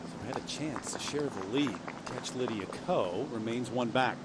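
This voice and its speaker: A man's voice: medium pitch, moderate pace. A man giving live play-by-play as a golf commentator. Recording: clearly noisy outdoor broadcast.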